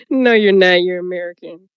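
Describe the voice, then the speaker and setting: A woman's voice: on the low side, normal speed, clear, resonant tone, dry recording. Dull, lo-fi woman's voice, dry. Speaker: panelist. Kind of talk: casual chat.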